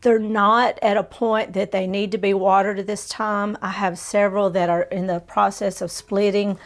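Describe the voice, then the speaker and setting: A woman's voice: mid-range voice, level tone, moderate pace. Under-the-weather woman hosting a gardening how-to. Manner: folksy, dropped endings like "gonna" and "'em". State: under the weather, recovering from strep throat. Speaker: host of a gardening channel. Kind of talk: casual how-to gardening talk. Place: greenhouse.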